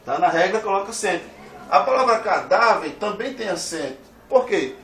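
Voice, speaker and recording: A man's voice: high-pitched, lively intonation, normal speed, a bit bright, a little hiss or hum. A Brazilian man teaching a grammar lesson, stressing syllables hard and repeating each rule. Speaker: Portuguese teacher. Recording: echoey room, distant from the mic.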